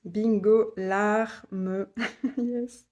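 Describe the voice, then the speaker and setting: A woman's voice: medium pitch, steady tone, extremely slow, a little mellow. A woman hosting a casual live stream from her home office, reading viewer comments aloud, repeating them and laughing often. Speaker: live stream host, human design guide. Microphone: phone or laptop mic.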